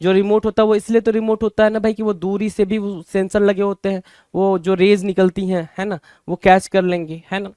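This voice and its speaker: Teaching exam vocabulary with an Indian English accent, this man keeps repeating words, throws out rhetorical questions, and calls his students "bhai." His high voice is level, brisk, smooth, and slightly mellow, in studio-quality audio without room sound.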